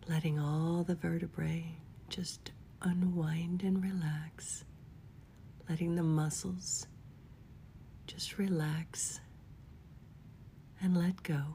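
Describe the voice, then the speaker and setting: Female meditation guide, soft spa-style whisper, mellow and flat in pitch, gentle and unhurried. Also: a little hiss or hum. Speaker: guided relaxation leader.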